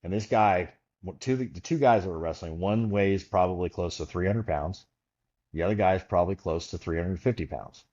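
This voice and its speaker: On a podcast, a male guest with a low voice and moderate pace tells a long story in a relaxed way. The recording sounds muffled, and he animates the tale by performing the quoted voices of its characters.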